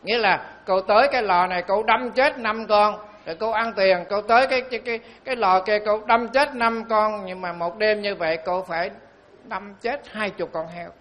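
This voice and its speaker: Monk telling stories. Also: male voice, high-pitched, a bit bright. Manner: storytelling, slow and emphatic on key phrases. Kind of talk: sermon.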